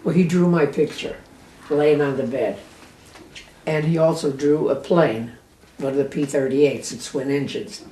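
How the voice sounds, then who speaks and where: A woman's voice: low-pitched, warm tone. Elderly American woman veteran remembering, roomy recording. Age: 80s or older. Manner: old veteran recalling memories in short, halting phrases. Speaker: war veteran being interviewed. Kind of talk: unscripted reminiscing. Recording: roomy, distant microphone with faint noise.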